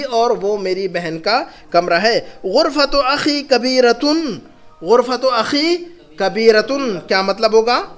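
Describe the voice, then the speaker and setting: A man with an Urdu accent leads a language class, his voice pitched high and his delivery slow. He repeats each phrase patiently and checks that his students follow. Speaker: Arabic teacher. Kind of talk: classroom lesson.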